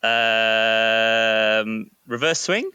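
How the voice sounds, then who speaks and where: Hesitant, low man, bright tone. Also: drawn-out words, clean tone, no echo. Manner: rambling, hesitant, self-deprecating. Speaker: podcast guest. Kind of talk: casual chat.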